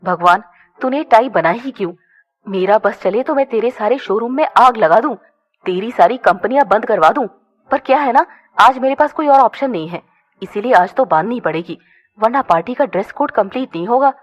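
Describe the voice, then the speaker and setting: A brash young man who brags and teases in quick, lively banter, as a woman storyteller puts him on. His voice rises and falls with a bouncy energy. The audio sounds dull and lo-fi. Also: a little high, natural voice. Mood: grumbling. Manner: boastful, teasing banter. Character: cocky playful young man, teasing friend. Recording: dull lo-fi recording.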